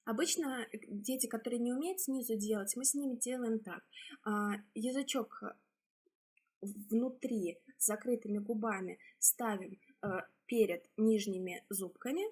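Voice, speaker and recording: Speaking in a halting, instructional way, a woman who works as a speech therapist goes through exercises step by step. Her voice is on the high side, a little mellow, and slightly husky.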